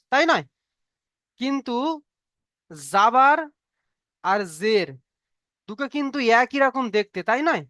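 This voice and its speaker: A man's voice: very high voice, sharp tone, dry recording. Patient, dry-voiced male Quran reading teacher. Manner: patient and repetitive, checks understanding with frequent questions. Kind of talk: online Arabic reading lesson.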